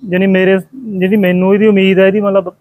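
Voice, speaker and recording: A man's voice: high voice, little pitch movement, quick pace, dry recording, narrow, tinny audio. A man with a Punjabi accent selling cows on an outdoor dairy farm, answering eagerly and politely. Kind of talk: casual sales talk.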